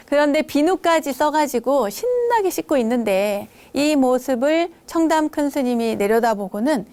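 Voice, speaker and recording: A woman's voice: high voice, big pitch swings, measured pace. A middle-aged woman, a Buddhist nun hosting the program, telling stories from temple life in a dharma talk, sometimes acting out the scolding voices of the people in them. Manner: warm storytelling, acts out quoted scolding.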